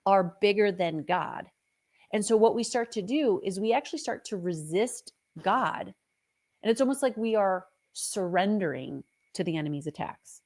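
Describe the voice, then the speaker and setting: A middle-aged woman hosting a faith podcast, teaching in a chatty, animated way with playful asides. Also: mid-range voice. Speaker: podcast host and minister.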